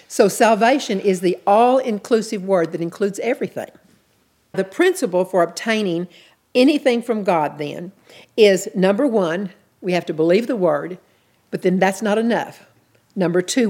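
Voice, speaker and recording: A woman's voice: fairly low pitch, darkish tone, slightly rough. A woman teaching a sermon in an earnest, plainspoken way, repeating her key points. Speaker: Bible teacher.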